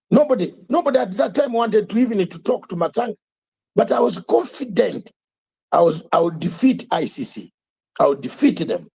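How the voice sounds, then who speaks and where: The older host's voice is high, husky and a touch mellow, heard through poor audio as he gives fiery live talk-show commentary. Repetition for emphasis and a stream of rhetorical questions mark his delivery.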